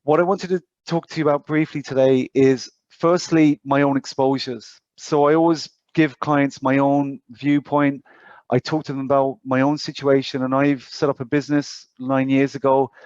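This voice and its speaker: Over dull, muffled online call audio, a British financial advisor talks clients through an informal presentation, hedging and hesitating as he explains. He speaks at a normal speed with a flat delivery in a medium-pitched, darkish voice, and there's no room sound.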